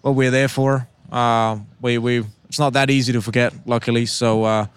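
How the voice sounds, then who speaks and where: This young man, a racing driver from Denmark and a native Danish speaker, responds to interview questions in a stop-start way full of ums and repeats. His medium-pitched voice is smooth with little pitch movement, and there's no room sound.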